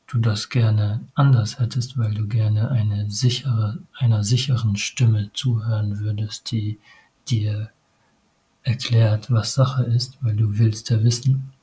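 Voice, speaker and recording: A man giving a meditative spiritual monologue, addressing the listener directly in short, halting phrases with frequent hesitations. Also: on the low side, mellow, poor audio.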